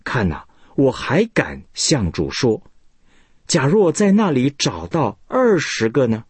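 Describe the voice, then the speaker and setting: An old patriarch pleads earnestly and humbly, as a man reading scripture puts him on. The voice sits higher than the reader's own, husky and breathy. It is slow, imploring and very lively in its rise and fall. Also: no echo, full character voice. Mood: pleading. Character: elderly man pleading humbly with his God.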